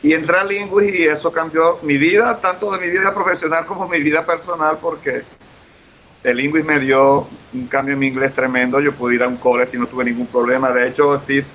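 In a casual interview, a man from Venezuela speaks with a Venezuelan Spanish accent, effusive and keen and often repeating himself. His voice is a little high and fairly bright, steady in tone and a little fast, on a lo-fi recording carrying faint hiss.

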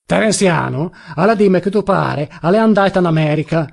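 A man reading an audiobook, voicing a stubborn, drunk middle-aged man with a Turinese accent who shouts slowly. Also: high-pitched, lively intonation, gravelly, exaggerated voice. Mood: insistent. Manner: shouting, slow and slurred.

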